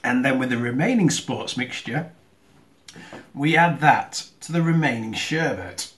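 Man, casual food tasting host, mid-pitched voice, chews while talking, hesitant. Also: lively intonation, a little slow, a bit bright. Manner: talks while eating, with mouth full; hesitant, restarts and fillers while chewing. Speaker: video host.

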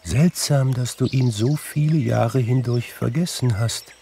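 A man voicing a gentle Christmas spirit with a soft, quiet, melodious voice. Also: medium pitch, measured pace, vocal fry, a little hiss or hum, voice pushed up. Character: gentle ghost of Christmas past.

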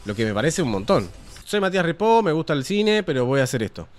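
A man's voice: on the high side, very animated, quick pace, soft background music. A man with an Argentine Spanish accent hosting a casual news commentary show, opinionated and profane. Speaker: show host.

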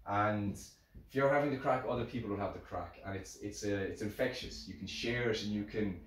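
Speaking briskly in a lowish voice, a middle-aged instrument maker from Ireland gives a casual motivational talk to camera, rambling and repeating phrases to drive points home. The recording comes from a camera a few metres off in an indoor workshop with hard surfaces, making it very echoey, with music present.

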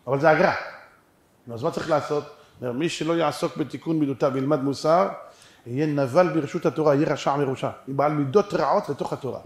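A man preaches a sermon as a rabbi, telling stories and firing rhetorical questions at his listeners. His voice sits a little high. The room around him rings with echo. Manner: animated storyteller, rhetorical questions, acts out voices. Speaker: rabbi giving a lecture. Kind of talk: lively sermon with stories and jokes. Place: synagogue or study hall. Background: audience laughter.

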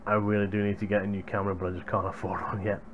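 Speaking rapid-fire in a level tone, this young adult man has a lowish voice and talks casually to viewers about hardware. He records indoors in a small home room on a gaming headset's boom microphone, with slight background noise.

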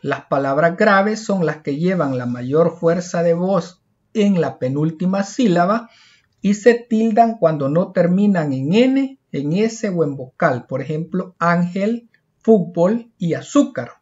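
A male teacher explaining a lesson, asking questions and answering them himself, slowing down to spell out example words one by one. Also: high-pitched, expressive, a little mellow. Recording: dull lo-fi recording.

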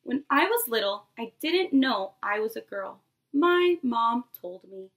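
Unhurried but very animated, a woman in her twenties reads expressively to young children as their preschool teacher, addressing them directly. Her fairly high voice sounds a bit bright, and she's in a small bedroom indoors.

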